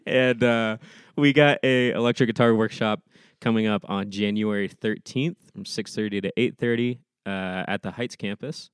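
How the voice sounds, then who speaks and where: Smooth low-voiced man, dry close sound. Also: fairly even intonation, normal speed, hardly any pauses, dry recording. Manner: upbeat, laughs easily. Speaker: podcast co-host, worship staff. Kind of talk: casual chat.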